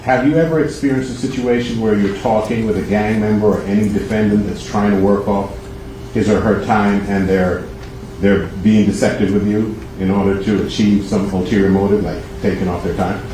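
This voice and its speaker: A man's voice: lowish voice, steady tone, normal speed, warm tone. A man cross-examining a witness as an attorney, probing and rephrasing his questions. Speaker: defense attorney. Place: courtroom. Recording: echoey, distant, noisy courtroom audio.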